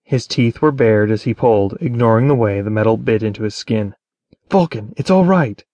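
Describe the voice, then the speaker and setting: A man reading fantasy fiction aloud as an audiobook narrator, in a measured, even way. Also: lowish voice, no echo, dull audio. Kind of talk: scripted narration.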